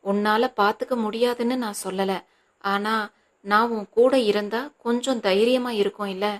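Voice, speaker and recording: A woman voicing a worried, tender mother who reassures her son in a soft, tired way, in an audiobook. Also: mid-range voice, steady tone, moderate pace, natural voice. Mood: reassuring.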